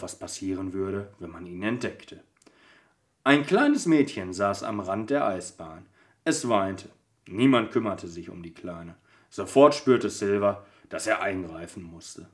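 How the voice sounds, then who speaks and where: A man co-hosting a podcast, chatting and then reading a Christmas story aloud while slightly tipsy, laughing and stumbling now and then. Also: lowish voice. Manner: chatty, laughing, reads with small slips. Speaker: podcast co-host.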